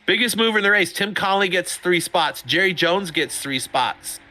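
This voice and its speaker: A middle-aged man giving chatty, excitable sim racing commentary, often laughing. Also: high-pitched, normal speed, a little hiss or hum. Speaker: race commentator.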